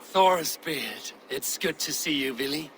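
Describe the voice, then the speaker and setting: A steady Viking clan leader who speaks calmly and earnestly, his voice a touch higher than most men's. The game's ambient sound sits clearly behind him. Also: a little slow. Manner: calm, earnest. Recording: game audio with ambient noise.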